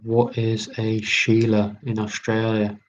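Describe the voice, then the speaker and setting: A man hosting a live online quiz, reading out each question slowly and repeating every term. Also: on the low side, monotone, dull audio. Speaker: quiz host.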